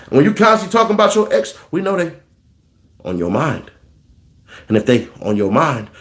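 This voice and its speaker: Guy on his channel riffing on dating, slangy and joking, kinda high voice. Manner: slangy, joking, repeats phrases for emphasis. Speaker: vlogger giving relationship advice. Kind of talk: casual comedic rant.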